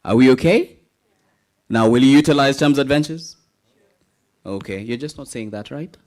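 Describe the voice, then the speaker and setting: A man's voice: medium pitch, moderate pace, darkish tone. A man emceeing a live raffle draw at an event, playful and teasing, calling numbers like an auctioneer.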